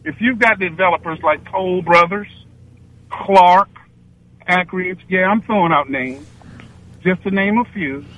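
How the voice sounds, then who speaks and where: A man's voice: high voice, a little slow, pauses often, a bit bright. A man in his sixties from Washington, D.C., calling in to a radio talk show on an echoey speakerphone line, blunt and emphatic. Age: 60s. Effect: echoey speakerphone over a phone line. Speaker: caller. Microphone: phone on speakerphone. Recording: echoey dull speakerphone call.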